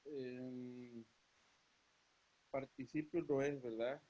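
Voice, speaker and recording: A man taking part in an online class as a student, answering hesitantly over a quiet video call. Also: mid-range voice, fairly even intonation, muffled recording, a little hiss or hum. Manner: hesitant, slow.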